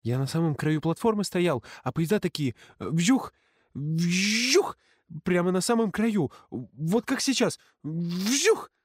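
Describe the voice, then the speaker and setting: A man's voice: high voice, slow pace, breathy edge, no room sound, pitched above the performer's own voice, exaggerated voice. A man doing a bragging chubby little boy. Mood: excited. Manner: excited bragging. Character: boastful chubby young boy, fidgety show-off.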